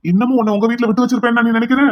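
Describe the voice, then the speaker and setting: A man voicing a headstrong, protective young man in a cartoon drama, speaking forcefully and insistently. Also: very high voice, fairly even intonation, rapid-fire, muffled recording.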